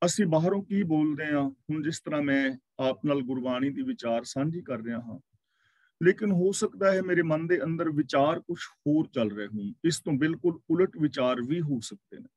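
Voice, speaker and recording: A man teaching a scripture class, reciting verses slowly and then explaining their meaning word by word. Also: a little high, expressive, a little mellow, no echo.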